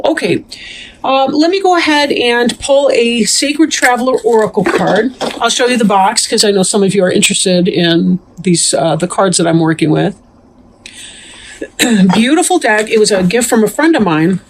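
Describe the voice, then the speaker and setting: A woman talks through a tarot reading in a loose, rambling way, with plenty of ums and frequent throat-clearing. She sounds a little short of breath as she goes. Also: medium pitch, slight background noise. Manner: chatty and meandering, clears throat often. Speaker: tarot reader. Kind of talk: casual tarot reading to camera.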